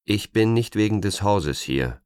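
A man's voice: fairly low pitch, a little slow, clear, resonant tone, dry recording, clean studio sound. A man voicing a cold, menacing stranger who speaks with an indifferent, almost toneless delivery. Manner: flat, emotionless delivery.

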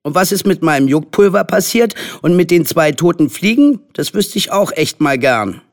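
A man's voice: high-pitched, unhurried, gravelly, pitched above the performer's own voice. A man doing a whiny seven-year-old boy. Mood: indignant. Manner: indignant, complaining.

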